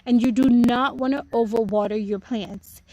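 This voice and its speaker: A woman's voice: a little high, fairly even intonation, moderate pace, a little mellow, no room sound, low-quality recording. A woman giving a casual, chatty live tour of her home vegetable garden outdoors, explaining things to viewers as she goes and speaking into a phone.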